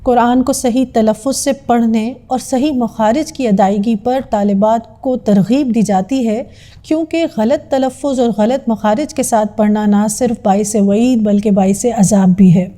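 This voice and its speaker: A woman narrates from a script with a formal, earnest and measured delivery. Her voice sits a little high and sounds very bright and crisp at the top. She keeps a steady, dignified tone, like a promotional voice-over for an institute. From Pakistan. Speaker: narrator of an institute's course introduction.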